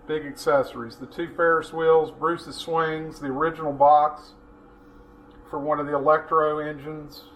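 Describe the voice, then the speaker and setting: A man giving a casual, unscripted show-and-tell tour as a hobbyist, pointing things out item by item in a halting way. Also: a little high, a bit bright, slight background noise.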